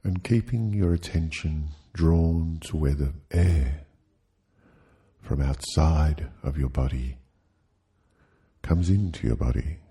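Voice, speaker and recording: In an extremely low, husky voice, a man leads a guided sleep hypnosis. His delivery is gentle and calming, broken into brief, hesitant phrases with long silences between.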